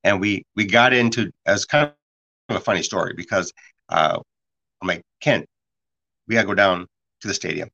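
A man's voice: low-pitched, normal speed, gravelly, pauses often. Rambling man hosting a chat, lo-fi sound. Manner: rambling, lively storytelling with restarts. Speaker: podcast host. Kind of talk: casual conversation. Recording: dull lo-fi sound.

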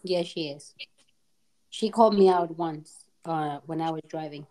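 A woman's voice: low-pitched, unhurried, dark tone. A woman co-hosting a podcast in casual chat, telling stories in a giggly, rambling way. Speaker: podcast co-host.

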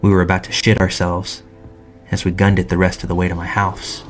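A man reading first-person true stories aloud in calm, measured scripted narration. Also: deep voice, soft background music.

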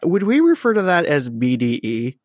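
A man's voice: a little high, wildly swooping pitch, moderate pace, darkish tone, no room sound, clean studio sound. A man co-hosting a podcast, rambling with lots of fillers and self-mocking jokes. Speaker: podcast co-host. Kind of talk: casual podcast banter.

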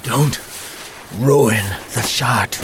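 A man playing a weak, exhausted older boss in an audio drama, halting and faltering, with an annoyed edge. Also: medium pitch, a bit bright, slight background noise. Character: exhausted, freezing older male boss, irritable and fading. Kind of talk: dramatic audio fiction acting.

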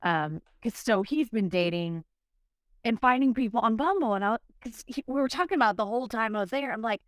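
A middle-aged woman co-hosting a podcast, telling her dating stories in an animated, casual way and laughing often. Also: on the high side, a little fast, no room sound, studio quality. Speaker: podcast co-host.

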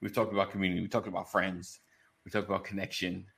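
Gravelly low-voiced man, morning radio DJ banter. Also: level tone, fast, a bit bright. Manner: jokey morning radio DJ patter, greeting listeners by name; informal, colloquial phrasing. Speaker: host of a live online men's community show. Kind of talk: casual, bantering live-stream hosting.

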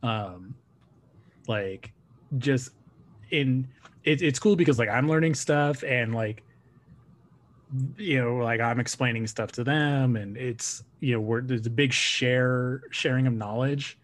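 A man in his thirties from Southern California hosts a casual fan podcast, rambling with lots of fillers and restarts. His mid-range voice is fairly bright and slow-paced.

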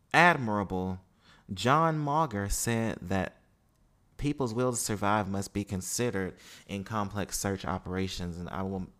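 Casual podcast host with a smooth, low voice. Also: male voice. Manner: reads news passages then comments informally. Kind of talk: casual podcast commentary, reading news aloud.

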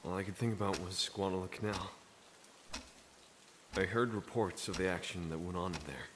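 An actor playing a weary, bitter young soldier in an audio drama, tense and curt. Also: male voice, low-pitched, moderate pace, lightly acted. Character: weary, bitter young male war veteran. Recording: reverberant room with faint noise.

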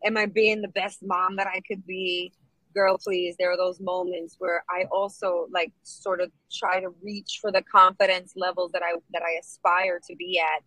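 A middle-aged woman comedian from New York, chatting in an interview, upbeat and lively, dropping Spanish phrases now and then. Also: fairly low pitch, normal speed, no room sound, poor audio. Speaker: guest, comedian and producer. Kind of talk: casual interview chat.

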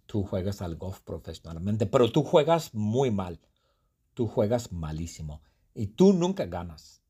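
Slow, playful male Spanish teacher. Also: fairly low pitch, mellow, husky. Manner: slow, repetitive, playful storytelling with exaggerated exclamations. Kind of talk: comprehensible-input storytelling lesson.

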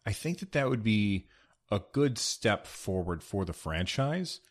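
A man with a slightly low voice hosts a gaming podcast in a casual, conversational way. He speaks straight to his listeners. The room is untreated, so his voice carries an audible echo. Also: sing-song, a little slow. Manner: conversational, addresses listeners directly. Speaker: podcast host. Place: new, unfinished home studio room with bare corners.

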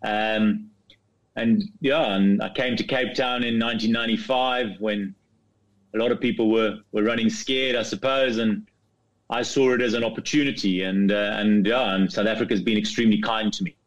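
A middle-aged man from Zambia, a company chief in a business interview, speaking haltingly with many restarts and repeated words. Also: fairly low pitch, steady tone. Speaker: property fund CEO, guest. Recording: dull lo-fi remote line.

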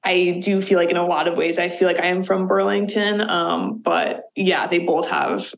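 A Boston-area woman, a comedian appearing as an interview guest, chats casually and tells stories sprinkled with plenty of "like"s. Her voice is fairly low, creaky and steady at normal speed, and the recording carries a roomy echo.

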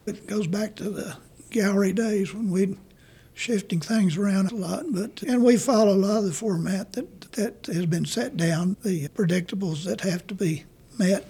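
An older man, an artist being interviewed, telling stories in a rambling, halting way. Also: high-pitched, vocal fry, warm tone, breathy edge. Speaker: artist guest. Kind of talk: casual interview talk.

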